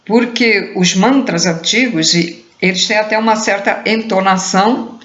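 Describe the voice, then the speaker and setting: A woman's voice: mid-range voice, fairly bright tone. Musing woman, roomy lo-fi. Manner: unhurried, musing, often trails off with "né?". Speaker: spiritual teacher. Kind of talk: casual spiritual talk. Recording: roomy, dull lo-fi recording.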